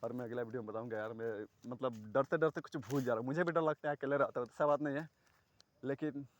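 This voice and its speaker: A man talking to the camera outdoors at night, far from any houses, rambling and earnest, at times loud and a little scared. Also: medium pitch. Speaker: vlogger. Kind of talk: casual talk to camera.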